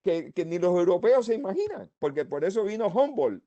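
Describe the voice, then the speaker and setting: A man from Colombia speaking, giving his views as a panelist in a seminar discussion in an animated, rambling way. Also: sits high, fairly quick, muffled recording. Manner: animated, rambling, laughs between points.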